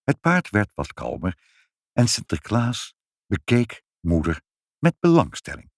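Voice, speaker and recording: A man reads a children's story aloud with a lower, husky voice. His delivery is animated and swings widely in pitch, recorded close and dry. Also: a little slow, no echo. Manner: expressive, animated.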